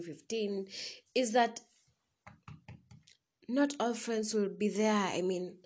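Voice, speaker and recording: A woman's voice: lowish voice, darkish tone, breathy edge. A young woman with a Kenyan accent hosting a podcast, chatting informally to listeners and slipping between English and Swahili slang. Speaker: podcast host. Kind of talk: casual solo chat to listeners.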